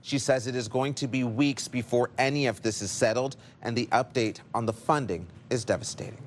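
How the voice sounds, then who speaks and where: A Canadian man anchors a newscast, reading scripted stories at a middling pitch. There is faint noise behind his voice. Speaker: news anchor. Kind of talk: scripted news narration.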